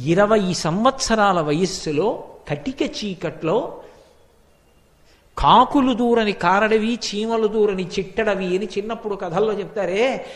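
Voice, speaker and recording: Male religious storyteller, high voice, lively acted-out quotes, hall echo. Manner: animated storyteller, acts out characters' quoted lines. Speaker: religious discourse speaker. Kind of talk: devotional storytelling discourse. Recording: long hall reverb.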